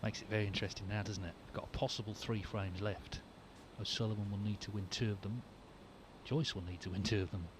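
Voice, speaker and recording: A man giving measured, understated snooker commentary in a hushed voice. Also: lowish voice, fairly even intonation, background noise.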